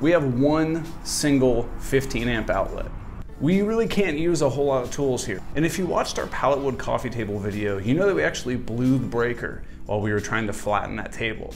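A man's voice: mid-range voice, expressive, fairly quick, soft background music. A young man in his twenties, host of a woodworking channel, giving a casual, friendly tour of his small garage workshop with a dry sense of humor, on a lapel mic. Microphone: wireless lapel mic.

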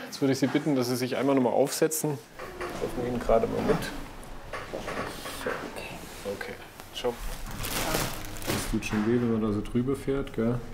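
Calm surgeon, plain clinical explanations. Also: male voice, mid-range voice, normal speed, vocal fry, pauses often, very noisy. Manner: calm, matter-of-fact, reassuring. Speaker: trauma surgeon. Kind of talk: explaining findings to patients and camera. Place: hospital emergency ward.

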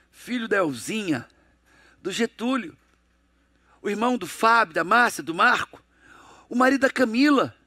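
Brazilian guy motivational coach, high bright voice, dry close sound, keeps asking the crowd questions. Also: no room sound. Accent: Brazilian Portuguese. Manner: emphatic, rhetorical questions to audience; acts out dialogues in a lowered, hushed voice. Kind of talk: motivational lecture.

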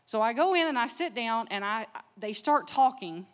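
A woman's voice: on the high side, animated, moderate pace. A middle-aged woman telling a story in a chapel talk, easygoing and chatty. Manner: easygoing, chatty with fillers and laughs. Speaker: speaker, counselor. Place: large chapel. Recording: long hall reverb.

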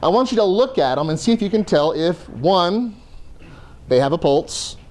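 A man's voice: high-pitched, lively intonation, normal speed, a little mellow. A man teaching a first aid class to a room, conversational and joking as he explains. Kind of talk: classroom lecture.

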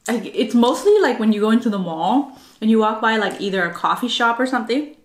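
A woman's voice: on the high side, lively intonation, a little fast. A young woman vlogger chatting casually over a mukbang meal, filling her talk with "like" and laughing often. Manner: chatty, lots of "like" and laughter while eating. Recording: echoey room.

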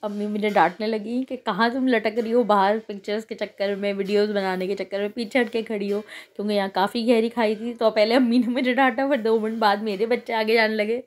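Outdoors on a chilly hill station street, a woman from Pakistan vlogs her family trip as a mother, chatting casually and exclaiming over the scenery. She talks a little fast, barely pausing, in a mid-range voice with fairly even intonation.

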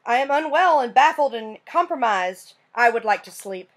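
A woman's voice: on the high side, lively intonation, moderate pace. A woman reading aloud, voicing a tired, stern elderly grandmother who speaks in a weary, formal, commanding way.

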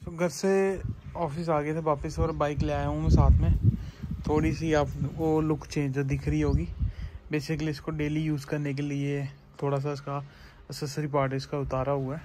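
A man's voice: on the high side, level tone, moderate pace, background noise. A man in his thirties casually vlogging his day at a small factory, chatting and explaining things as he goes. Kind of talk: casual vlog. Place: small tile factory and car.

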